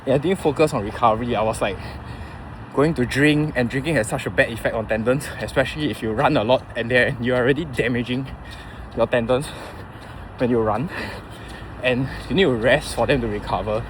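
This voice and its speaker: A man in his thirties with a Singaporean accent, rambling casually to a vlog audience in a halting, informal way, thinking aloud. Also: mid-range voice. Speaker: running vlogger. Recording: clear outdoor traffic and vehicle noise.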